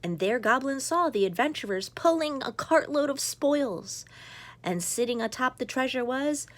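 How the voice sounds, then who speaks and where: A woman's voice: high-pitched, expressive, moderate pace. A woman in her thirties, a mother, reading a children's picture book aloud with playful asides to young listeners. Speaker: children's story reader, mother.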